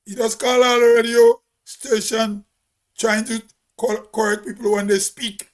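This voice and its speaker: A man's voice: very high voice, steady tone, measured pace. A Grenadian man giving a spoken commentary in an emphatic, preachy way, as if on radio.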